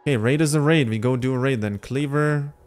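A man streams a game, thinking out loud and talking to his chat in a relaxed, chatty way. His voice sits at a middling pitch, with faint game music playing behind him. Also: fairly quick. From Lithuania. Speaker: gaming livestreamer. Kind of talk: casual gameplay commentary.

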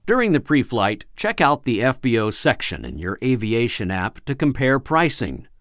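Male voice-over for a training piece: animated pitch, clear and instructive, recorded dry and close. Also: dry recording. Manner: clear, instructive, measured delivery. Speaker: flight training narrator. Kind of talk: scripted voice-over narration.

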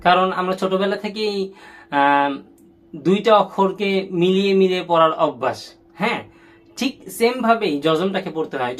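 A man teaching Quran reading step by step. He spells out letter combinations slowly, then blends them, and talks in a colloquial way with English words mixed in. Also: high-pitched, a bit bright. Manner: colloquial, mixes English words into his talk.

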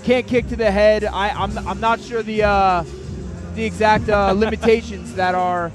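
A man's voice: high-pitched, fairly even intonation, normal speed, music in the background. An American man giving casual live fight analysis as a color commentator.

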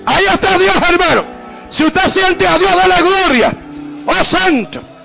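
Over loud music at a church revival, a male evangelist preaches in a very high-pitched voice with lively intonation and vocal fry, speaking a little slowly. His fervent delivery repeats calls to the congregation and breaks into bursts of speaking in tongues.

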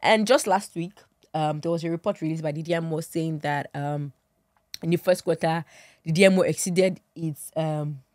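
Young Nigerian woman, business news presenter, low and chatty, dry close studio mic. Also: moderate pace, a little mellow, no echo. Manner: chatty, laughs easily, many fillers. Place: TV studio with seated guests. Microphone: studio mic on boom arm.

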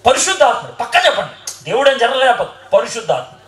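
High voiced guy preaching, keeps asking the crowd questions and joking around, roomy echoey hall. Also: very fast. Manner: lively, quizzes the audience and jokes with them. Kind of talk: sermon. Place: hall with an audience.

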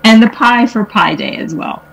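The same kind of scene: a middle-aged woman who writes cookbooks talks recipes from her home kitchen over a webcam, filling her casual demo with fillers. Her mid-range voice is husky, gravelly and a bit bright, with lively intonation at normal speed, captured in low quality.

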